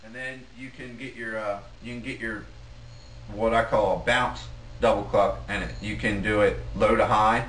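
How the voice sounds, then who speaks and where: A man giving a casual, plain-spoken instructional demonstration as a goose calling instructor, with halting delivery. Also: on the low side, steady tone. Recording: roomy, distant mic, faint noise.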